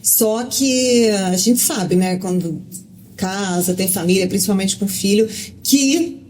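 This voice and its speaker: Guest journalist, woman, mid-pitched, mellow tone, talkative storytelling. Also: slow, a little hiss or hum. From Rio de Janeiro, Brazil. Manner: talkative, lots of fillers and restarts. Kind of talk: casual interview chat.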